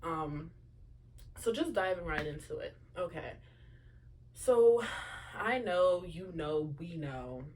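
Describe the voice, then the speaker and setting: A woman's voice: fairly low pitch, expressive, slow pace, pauses often, a little mellow. A young woman in her early twenties hosting a casual solo chat show, talking to listeners with lots of fillers and asides. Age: young adult. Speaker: podcast host.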